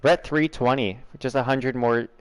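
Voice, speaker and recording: Livestreaming gameplay, this young man from the United States talks casually with his chat and laughs often, in a General American accent. He has a mid-range, steady, clear and resonant voice at normal speed, with no room sound.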